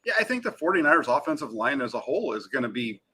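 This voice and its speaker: Quick-talking reporter guy, bright voice, pumped and eager. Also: medium pitch, breathy edge. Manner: energetic and eager. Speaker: team beat reporter. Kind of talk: casual sports talk.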